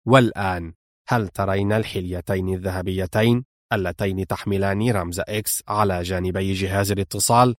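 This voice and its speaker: A man doing a cold, low-voiced spy mastermind. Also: a little fast, dry recording, clean studio sound, close to an everyday voice. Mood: cold, commanding. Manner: calm, clipped and menacing.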